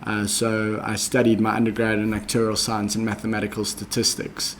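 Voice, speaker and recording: Flat-voiced South African man, measured. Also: fairly low pitch, slight background noise. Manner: measured, methodical, with frequent ums. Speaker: interview guest. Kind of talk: conversational interview.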